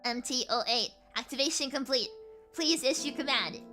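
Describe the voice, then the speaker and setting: Woman doing a flat robot voice for a sniper turret. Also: high-pitched, moderate pace, soft background music. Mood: flat mechanical. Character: robotic male sniper turret, stiff and formal. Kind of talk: reading a story aloud.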